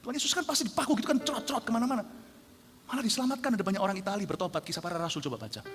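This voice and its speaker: Man, pastor, 40s, lively sermon, long hall reverb, faint music behind. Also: rapid-fire. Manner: animated, swings from low asides to shouted punchlines.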